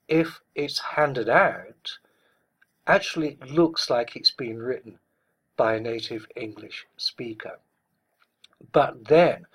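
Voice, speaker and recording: A man speaking as a speech coach, teaching in a measured, deliberate way and stressing each word clearly. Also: fairly high pitch. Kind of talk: instructional talk.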